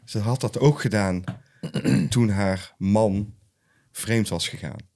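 A man's voice: fairly low pitch, slow pace, creaky, a little mellow. A man co-hosting a podcast, narrating an improvised story in short, scene-by-scene sentences. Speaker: podcast co-host.

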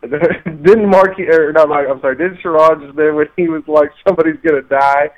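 A man co-hosts a casual podcast chat, telling stories with animated energy. He laughs his way through them. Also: on the high side, normal speed, lo-fi sound. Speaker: podcast co-host.

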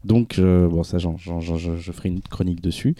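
Low, mellow man with halting delivery. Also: fairly even intonation. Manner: hesitant, many fillers and restarts. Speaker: podcast co-host presenting a film review. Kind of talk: casual podcast chat.

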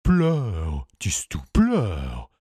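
A man voicing a wise, truthful pony in a storybook reading, speaking plainly and calmly. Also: deep voice, husky, dry recording, studio quality, heavily acted. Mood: gentle. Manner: slow, calm, plain-spoken.

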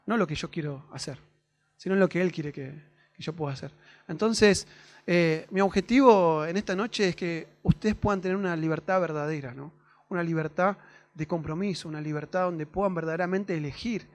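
High-voiced Rioplatense preacher man. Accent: Rioplatense Spanish. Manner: conversational testimony, many fillers and tag questions. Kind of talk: sermon.

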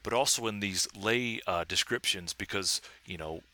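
A man talking as an academic researcher and interview guest, explaining in a halting, careful way. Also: lowish voice, pushed and bright, dry recording. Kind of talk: academic discussion.

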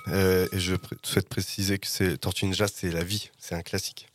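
Low-voiced joking man on a podcast. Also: flat delivery, fairly quick. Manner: joking, trails off and mumbles. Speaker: podcast co-host. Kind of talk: casual chat.

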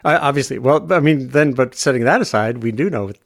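A man explaining things casually as a journalist in a podcast discussion, halting and digressive, often rephrasing as he goes. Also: mid-range voice.

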